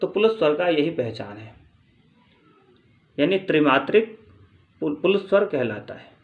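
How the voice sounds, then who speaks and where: A man teaching grammar, reading from a textbook and explaining slowly, repeating points and answering his own questions. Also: on the high side, big pitch swings, phone-quality sound. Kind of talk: spoken lesson reading from a textbook.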